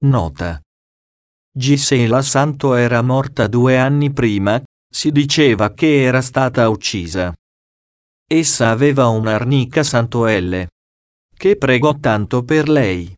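A man reads a diary aloud in a slow, deliberate, solemn way. His voice sits at an ordinary middle pitch, and the recording is close and dry, with no room sound. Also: lively intonation, dry recording. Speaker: audiobook reader.

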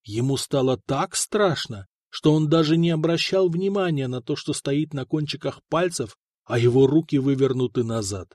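A man reading a historical novel aloud in measured scripted narration. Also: medium pitch, darkish tone, dry recording, clean studio sound. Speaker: audiobook narrator.

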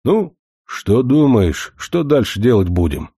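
A man voicing a stern, weary old village grandfather who grumbles in gruff, folksy speech. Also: mid-range voice, very animated, measured pace, mellow, no echo, studio quality, full character voice.

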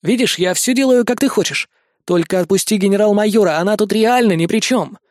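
A man voicing a calm, steady male soldier who speaks quietly and firmly in a storybook reading. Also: sits high, fairly quick, dry recording, studio quality, close to an everyday voice. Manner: firm, quiet.

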